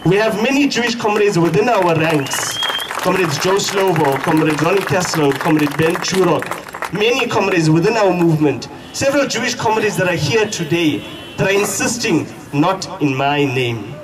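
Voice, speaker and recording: A distant, noisy outdoor recording of a South African man delivering a fiery rally speech. His voice is pitched high, and he builds his points with emphatic, repeated phrases. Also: lively intonation, a crowd in the background. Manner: emphatic, deliberate rhetorical phrasing with repetition. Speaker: activist speaker at a protest rally. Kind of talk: fiery political protest speech. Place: outdoor protest. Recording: distant mic, noisy outdoor street ambience.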